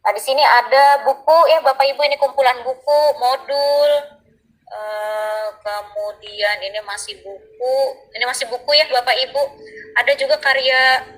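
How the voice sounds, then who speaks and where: Bright-voiced woman explaining step by step. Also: sits high, fairly even intonation, poor audio. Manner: repeats polite address often, many filler "eh" pauses. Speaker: teacher trainer. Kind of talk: explanatory tutorial addressing teachers.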